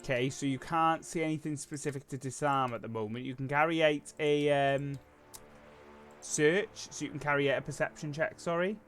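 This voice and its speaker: A man's voice: fairly high pitch, fairly even intonation, moderate pace, fairly bright tone, faint music behind. Laid-back man running a tabletop game. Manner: laid-back, hesitant with frequent ums. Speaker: game master.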